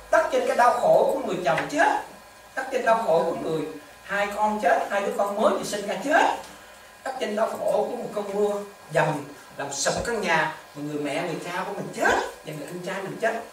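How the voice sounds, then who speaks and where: A Buddhist monk giving a dharma talk to lay followers, with repetitive, animated storytelling and rhetorical questions. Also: medium pitch, a little fast, slight background noise. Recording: echoey hall, distant mic, faint ambience.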